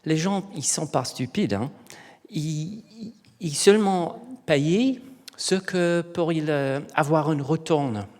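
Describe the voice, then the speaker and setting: A middle-aged man, a native English speaker with a foreign English accent in French, giving an informal conference talk and haltingly searching for words. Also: fairly high pitch, a little mellow. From England. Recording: long hall reverb.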